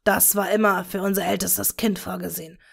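A woman voicing a dark wizard father who speaks softly and in a measured way to his daughter. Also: medium pitch, flat delivery, gravelly, slightly rough, pitched below the performer's own voice. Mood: gentle. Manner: soft, measured, gentle.

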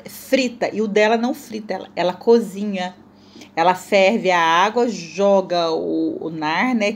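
A woman's voice: medium pitch, slightly rough. Chatty Brazilian woman narrating a cooking video. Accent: Brazilian Portuguese. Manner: chatty, addresses viewers often, self-deprecating and playful. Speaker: cooking vlogger.

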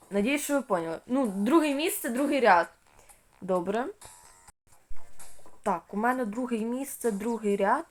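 A woman voicing every part of a toy game role-play, speaking softly as she switches between cashier, parent and child. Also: a little high. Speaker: channel host playing all parts.

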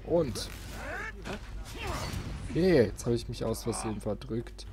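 Here a man hosts his own let's play channel, musing casually and tossing in small playful asides while game music runs underneath. He speaks in a mid-range voice with lively intonation at an unhurried pace, close to a desk microphone.

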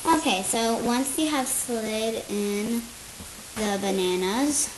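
A woman's voice: a little high, slow. A female host chatting through a casual cooking demonstration at a kitchen table, hesitant with frequent ums. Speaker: host of a home cooking video. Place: home, at a kitchen table indoors. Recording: noisy home camera recording.

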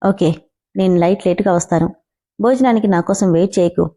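A serious, worried young husband on the phone in a spoken story, read by a woman narrator. He speaks steadily, in a mellow, darker voice. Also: mid-range voice, fairly quick, lightly acted. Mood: calm. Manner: serious, concerned.

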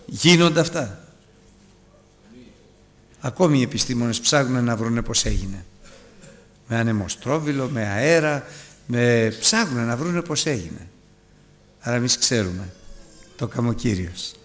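A man preaching a sermon to his congregation, calling them brothers and moving between loud urgent appeals and hushed asides. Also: animated, long pauses. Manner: dramatic, rises and drops sharply in pitch and loudness; addresses listeners as brothers.

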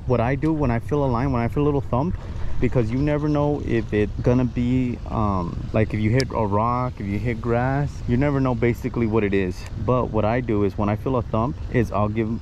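A man's voice: mid-range voice, fairly even intonation, brisk, lo-fi sound. A man casually explaining his fishing technique step by step to viewers while on a lake shore. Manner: chatty, explains step by step, addresses viewers as guys. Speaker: fishing vlogger. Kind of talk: casual instructional talk to camera. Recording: outdoor recording with clear background noise.

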